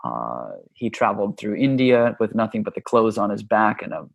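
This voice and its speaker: A man from Hawaii, a yoga teacher and author, telling stories about his upbringing in an easygoing, unhurried way with frequent ums. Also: on the low side, very animated, creaky, dry recording. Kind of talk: relaxed conversational storytelling.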